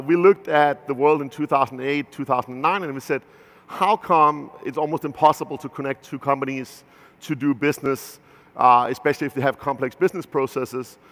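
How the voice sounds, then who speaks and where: A Danish founder in his thirties delivers a conference keynote from a large stage, his mid-range voice fairly bright. He speaks loosely, with plenty of fillers and restarts, and the big venue adds a long hall reverb.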